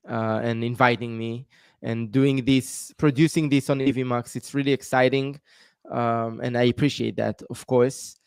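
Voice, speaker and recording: This clear, resonant male voice is medium-pitched and darkish, captured dry at studio quality. He's a tech founder from Israel in his 30s, appearing as a guest on a live-stream interview and giving long explanations dotted with ums.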